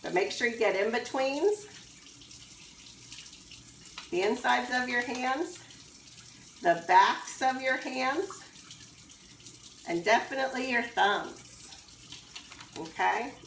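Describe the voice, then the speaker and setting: A woman teacher giving a slow, patient cooking demonstration for young children in a kitchen. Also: fairly high pitch, expressive, gravelly, fairly bright tone, roomy sound, slight background noise. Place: kitchen with running water.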